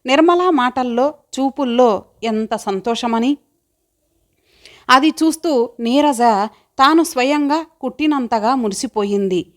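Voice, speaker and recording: Woman reading an audiobook story, measured delivery, a touch high. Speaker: narrator. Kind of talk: scripted audiobook narration.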